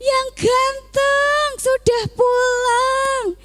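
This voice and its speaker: A woman's voice: extremely high pitch, flat delivery, drawn-out words, a bit bright, voice pushed up, exaggerated voice. A woman voicing a father who calls out and sings tearfully for his lost son. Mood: overjoyed.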